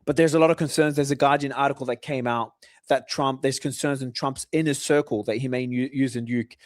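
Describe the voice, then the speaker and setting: A man's voice: medium pitch, steady tone, fairly quick, no room sound, clean studio sound. A man hosting a live talk show, reading out news updates and giving his own predictions. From Australia. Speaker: host.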